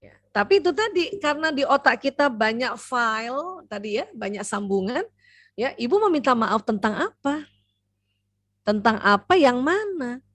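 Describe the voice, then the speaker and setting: Lively woman giving a seminar lecture. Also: on the high side, normal speed, no echo. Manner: lively, acts out parent and child voices; addresses the audience directly with frequent "ya". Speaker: seminar speaker, doctor.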